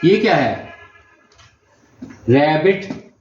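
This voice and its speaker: A man's voice: on the high side, big pitch swings, very slow, darkish tone, slight background noise. Patient male therapist in echoey room. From Pakistan. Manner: patient, repeats prompts and praises often. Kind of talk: speech therapy session with commentary. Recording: dull, echoey room recording.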